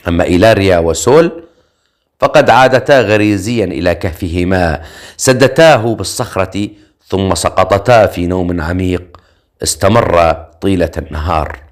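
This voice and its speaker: A man reads a dark novel aloud in a low voice. His narration is measured and dramatic, unhurried and scripted. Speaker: audiobook narrator.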